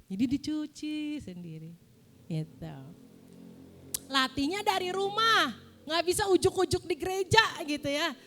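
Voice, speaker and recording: A young woman giving a casual, lively sermon in a church, often asking the congregation questions. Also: sits high, measured pace, soft background music. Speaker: preacher.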